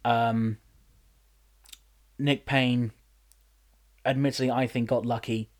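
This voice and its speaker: Speaking slowly in a mid-range voice, a man swaps stories during an easygoing podcast conversation. He wrestles and serves as a general manager, and he tells his tales animatedly, with many restarts.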